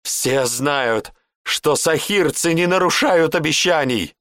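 A man voicing an enraged male warlock who screams curses in a high strained voice. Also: slow, fairly bright tone, dry recording, clean studio sound. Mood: furious. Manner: screaming curses, shrill with rage.

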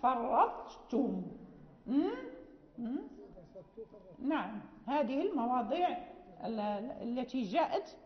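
High-voiced woman teaching in an echoey hall. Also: lively intonation, slow, long pauses. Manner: patient explaining, frequent restarts and checking questions. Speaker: teacher of Quran recitation. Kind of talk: classroom lecture. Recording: echoey hall, dull lo-fi sound.

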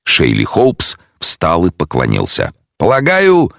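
A man narrating an audiobook detective story in an unhurried, expressive storytelling manner. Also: rumbling low, gravelly, no echo, studio quality. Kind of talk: scripted narration.

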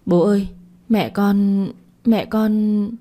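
A woman's voice: medium pitch, normal speed, mellow, close to an everyday voice. A woman voicing a scheming grown daughter who pleads and stammers defensively. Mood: scared.

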